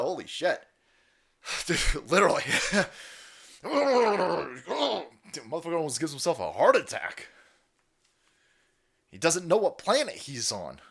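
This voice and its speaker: A man hosting a livestream, giving profane, sarcastic commentary over clips. He swings between shouts and low mumbles. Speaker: livestream host.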